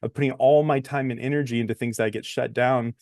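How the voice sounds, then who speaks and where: A man's voice: mid-range voice, steady tone, fairly quick, darkish tone, no room sound. Chatty man interviewed on a dry mic. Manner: chatty, laughs between phrases, restarts. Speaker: guest. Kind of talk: interview conversation.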